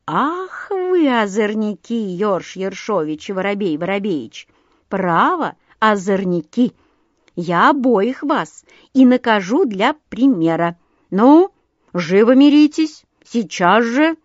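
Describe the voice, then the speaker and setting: A woman's voice: mid-range voice, animated, slow pace, no echo, muffled recording. A woman voicing a good-natured young male chimney sweep in a storybook reading, with a musing, fatherly manner.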